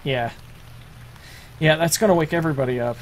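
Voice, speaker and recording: A man running a tabletop role-playing game as game master, narrating the action in a halting way with many fillers and restarts. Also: a little high, a little hiss or hum.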